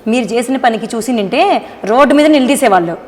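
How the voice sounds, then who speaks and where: A woman acting as a wife who is fed up with her deceiving husband, speaking in a sharp, reproachful way in a melodramatic family drama. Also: on the high side, expressive, fast talker, close to an everyday voice. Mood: scolding. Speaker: actress in a family drama short. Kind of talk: melodramatic short-video acting. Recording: roomy reverb with background music.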